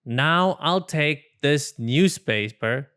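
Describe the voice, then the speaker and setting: An extremely slow, expressive reader brings to life a cheerful, overconfident porcupine, delivering his lines with breezy theatrical self-assurance and an upbeat mood. The mid-range voice is fairly bright, clear and resonant.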